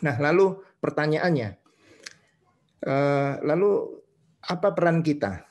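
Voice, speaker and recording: A man with an Indonesian accent preaches didactically, his fairly high voice animated yet slow, with a darkish tone. He reads scripture and explains it phrase by phrase, adding short confirming tags.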